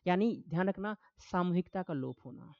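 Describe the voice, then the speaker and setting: In a lively classroom lecture, a man with a high-pitched, creaky voice speaks at normal speed, putting questions to students and then answering them, while performing quoted voices. The audio is dull and free of echo.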